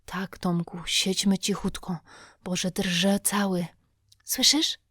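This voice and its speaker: A scruffy, superstitious boy trembles as he whispers, his breathy voice quavering with fright, as a woman brings him to life in an audiobook. The recording is dry and close, with the whisper sitting right up at the microphone. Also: medium pitch, flat delivery, slow pace, fairly bright tone, no room sound. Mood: terrified. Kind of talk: audiobook character voice.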